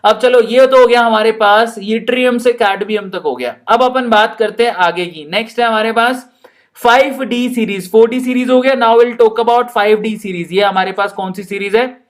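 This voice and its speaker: A male chemistry teacher lectures in a playful, animated way and jokes as he teaches. His voice is fairly high for a man, and he slips English phrases into his talk. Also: moderate pace. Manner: playful, jokey, laughs while teaching; animated, mixes Hindi and English. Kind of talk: classroom lecture.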